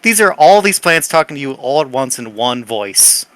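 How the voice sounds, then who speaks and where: Bright, animated man running a tabletop game. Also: mid-range voice, moderate pace, dry recording. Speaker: game master. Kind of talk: improvised tabletop game narration.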